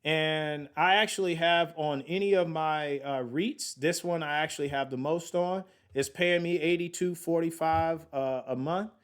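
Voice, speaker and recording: A man in his late thirties hosts a casual investing podcast, speaking with a slightly high, steady voice at a somewhat slow, smooth pace with hardly any pauses. He's chatty and slangy, calls his listeners y'all, and works out sums aloud as he goes.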